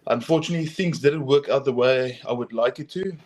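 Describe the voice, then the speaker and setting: A young adult man from South Africa, an arm wrestler, talks casually as a guest in an interview with a South African accent. He is hesitant, with many ums and restarts, and his mid-range voice is fairly quick and a little mellow.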